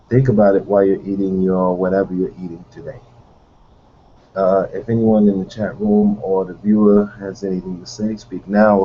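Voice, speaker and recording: A man hosting a live online hangout, musing in a rambling way, with fillers and restarts. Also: low voice. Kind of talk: casual livestream monologue. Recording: dull lo-fi audio with faint noise.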